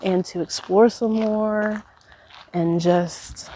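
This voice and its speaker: A woman's voice: mid-range voice, steady tone, slow, dark tone, slight background noise, poor audio. A woman in her twenties musing pensively in a casual, reflective solo vlog, letting her thoughts trail as she goes. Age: 20s. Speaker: vlogger. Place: walking while recording, as a walk-along vlog.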